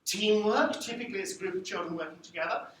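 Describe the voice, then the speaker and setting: A man giving a live lecture to a room of teachers, lively and wry, putting questions to the audience. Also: high-pitched, quick pace. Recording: echoey room, faint background noise.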